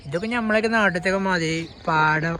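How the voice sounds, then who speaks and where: A vlogger with a Malayali accent chats casually outdoors in the open for a travel vlog, mixing English words into his Malayalam. His high-sitting voice is quick and sharp in tone, and the noisy recording picks up animal and vehicle sounds.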